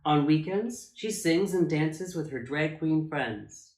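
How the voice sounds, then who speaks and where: A man reading a children's picture book aloud as a drag storytime reader, with theatrical, emphatic phrasing and dramatic pauses. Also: on the high side, lively intonation. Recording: echoey room.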